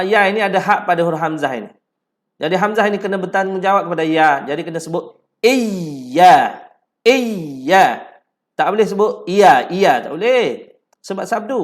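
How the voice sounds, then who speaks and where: A high-pitched man with a Malaysian Malay accent teaches Quran recitation at an unhurried pace. He repeats single sounds again and again to fix pronunciation. Now and then he slips into slow, drawn-out chanting of the verses. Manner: slow, repeats words syllable by syllable to correct pronunciation.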